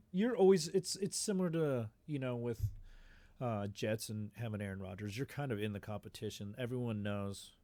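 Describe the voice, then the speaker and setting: A man co-hosting a podcast, chatting casually about football in a relaxed, rambling way with frequent ums. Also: medium pitch, normal speed, no room sound. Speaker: podcast co-host. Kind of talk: casual sports chat.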